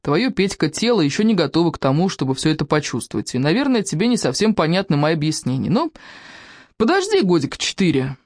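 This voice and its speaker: A woman's voice: low-pitched, big pitch swings, fast talker, a little mellow, no echo, studio quality. A woman voicing an elderly former army officer, fatherly and authoritative. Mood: instructive.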